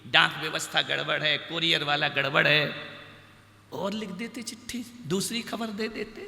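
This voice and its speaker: A man doing a shrill, frantic old merchant. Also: moderate pace, vocal fry, full character voice. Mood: pleading. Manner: shrill shouting and pleading. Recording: echoey hall.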